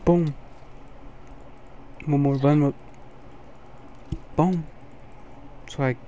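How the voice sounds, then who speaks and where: A man's voice: on the high side, steady tone, extremely slow, warm tone, dull audio, a little hiss or hum. A man commentating his own gameplay, keeping his voice down late at night and sounding sleepy. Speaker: gaming video host.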